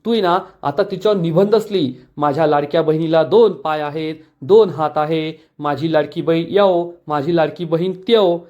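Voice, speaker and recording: A sharp-tongued sister-in-law scolds and mocks, as a man reads her lines in a recap. The voice sits a little high, and the sound is slightly dull and muffled. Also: moderate pace, few pauses, natural voice. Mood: scolding.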